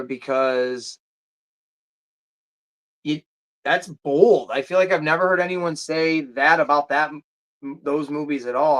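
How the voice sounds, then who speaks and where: This is a livestream host chatting casually to viewers and answering their comments. The talk rambles and drifts, with pauses while the speaker hunts for a name. The voice sits in an ordinary middle range. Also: mid-range voice. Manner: rambling, searches aloud for titles.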